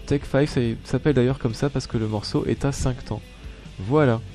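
A man's voice: medium pitch, moderate pace, warm tone, faint music behind. Hesitant man hosting a casual radio show. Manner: hesitant, many filler sounds and restarts. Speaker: web radio host. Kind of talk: casual live radio chat between songs.

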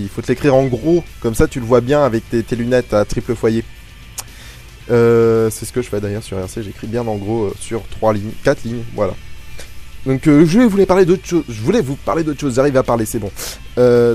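A man with a medium-pitched, dark voice runs a casual live web radio show, talking over a faint music bed on a studio microphone. He rambles, pokes fun at himself and hesitates often.

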